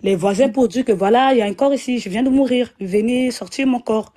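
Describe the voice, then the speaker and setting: A woman's voice: fairly high pitch, brisk, warm tone. A woman telling a personal religious testimony, repeating herself and restarting often with many fillers. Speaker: guest giving a religious testimony.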